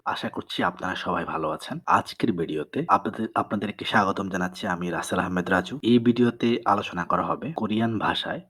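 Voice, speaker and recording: A young man from Bangladesh teaching Korean words slowly, repeating each pronunciation patiently and explaining how the sounds differ. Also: low voice, fairly bright tone, breathy edge. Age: young adult. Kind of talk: slow vocabulary lesson with repeated pronunciation.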